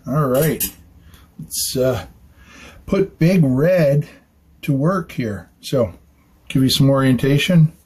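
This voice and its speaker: A man in his fifties, an architect, casually explains the details of a construction drawing in a small studio room with dark curtains. His mid-range voice is expressive, darkish and a bit breathy, and he talks slowly with frequent pauses. His style is chatty and informal, full of fillers and tag questions.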